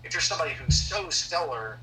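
A man's voice: a little high, animated, fairly quick, pushed and bright. A man hosting the conversation, asking long, rambling questions with many restarts. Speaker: podcast host. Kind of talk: casual interview questions. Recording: distant mic with faint noise.

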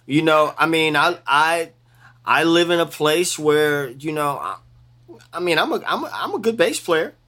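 Animated bright-voiced man in his forties. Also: a little high, measured pace. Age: 40s. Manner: animated, emphatic, slips into a mock preacher voice. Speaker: bass player guest. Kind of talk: casual interview chat.

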